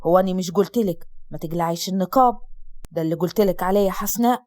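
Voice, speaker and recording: A woman voicing a stern, threatening Egyptian father with an Egyptian accent, who drops low and slows down on his warnings. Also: darkish tone, no echo, lightly acted. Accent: Egyptian Arabic. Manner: threatening, slow and heavy on warnings.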